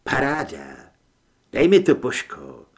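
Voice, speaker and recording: A man's voice: medium pitch, huge pitch swings. A man voicing a weary adult monster hunter who speaks in a tired, resigned way in an audiobook. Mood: gruff.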